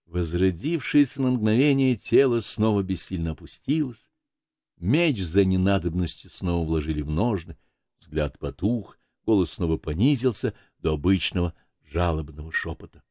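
A man narrating an audiobook in an even, measured reading voice. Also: low voice, no room sound, studio quality. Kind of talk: scripted narration.

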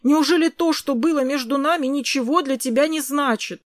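Woman reading a hurt pushy young guy, fairly high voice, dry sound. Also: normal speed, dry recording, lightly acted. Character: young man, boyfriend, insistent and hurt.

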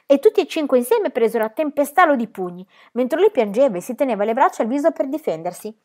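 Expressive woman reading a children's book. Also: sits high, quick pace. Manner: expressive storytelling narration. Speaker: reader. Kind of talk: children's book read aloud.

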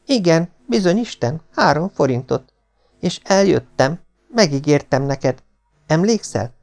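A man's voice: fairly high pitch, lively intonation, darkish tone, voice pushed up. A man voicing a proud, touchy little schoolboy who talks in a stiff grown-up way, in an audiobook reading. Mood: earnest. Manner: earnest, stiffly grown-up, hurt pride. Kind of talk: audiobook character voice.

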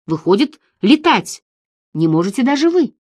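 A woman reading an audiobook, voicing a calm, patient man who reasons and lectures. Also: on the high side, moderate pace, no room sound. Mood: soothing.

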